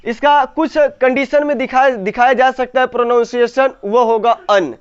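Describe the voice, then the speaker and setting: High-voiced man drilling a class. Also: fairly even intonation, smooth. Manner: repeats each point as a question to the class; stretches key words slowly for emphasis. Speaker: English grammar teacher. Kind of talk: classroom lesson with call-and-response. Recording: slightly dull lo-fi sound.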